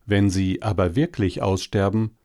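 A man reads a story aloud for a volunteer audiobook in a calm, measured way. His voice sits low and mellow, and he takes his time over every sentence. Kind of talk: storybook reading.

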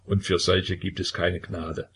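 A man's voice: low-pitched, flat delivery, unhurried, fairly bright tone, husky, heavily acted. A man voicing a stern old religious zealot who speaks in a solemn, preaching way.

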